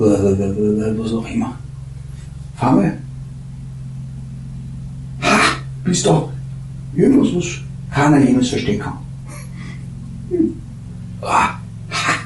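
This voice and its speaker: A man giving a meandering spiritual talk, halting and searching for words, drifting from soft murmurs into animated bursts. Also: lowish voice, background noise. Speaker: spiritual teacher. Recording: echoey room with faint ambience.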